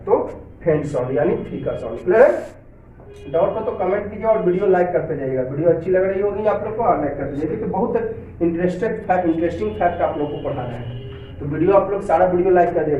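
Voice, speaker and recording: A male science teacher giving a classroom lecture, often asking students if it is clear, reading English lines slowly and then explaining them. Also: high-pitched, dark tone. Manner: repetitive, asks check questions often. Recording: roomy, distant, dull lo-fi sound with faint hiss.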